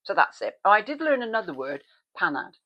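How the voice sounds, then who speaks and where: A woman's voice: fast, highs cut off. Chatty woman with rambling asides. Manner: animated, with sudden pitch leaps when excited. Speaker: vlogger. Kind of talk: casual chat.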